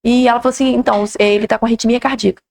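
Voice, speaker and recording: Rapid-fire Brazilian woman with gravelly voice. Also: fairly high pitch. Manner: animated retelling with quoted dialogue. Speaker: podcast host. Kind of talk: personal storytelling in conversation.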